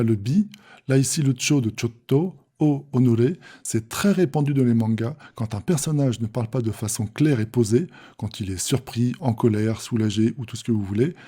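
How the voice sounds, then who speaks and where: A man's voice: medium pitch, dark tone, breathy edge. A man teaching a lesson, reading Japanese phrases aloud and then explaining each one patiently and step by step. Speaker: language teacher. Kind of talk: explanatory lesson on manga text.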